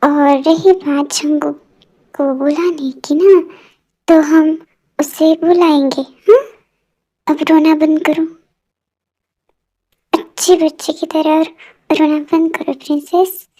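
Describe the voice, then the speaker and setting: Woman playing a soothing, affectionate mother; high, slow, mellow. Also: steady tone. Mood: coaxing. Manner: coaxing, affectionate. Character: caring middle-aged mother, soothing.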